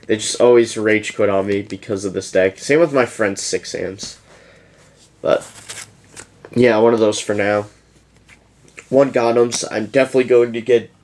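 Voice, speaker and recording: A man's voice: lowish voice, steady tone, normal speed, long pauses, a little mellow. A young man giving a casual, rambling deck profile to his channel, yawning as he goes. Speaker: YouTuber presenting a card deck.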